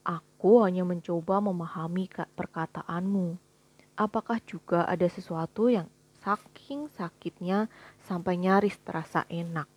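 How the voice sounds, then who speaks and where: Woman voicing an angel, calm, patient, even, breathy, storybook. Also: medium pitch, measured pace.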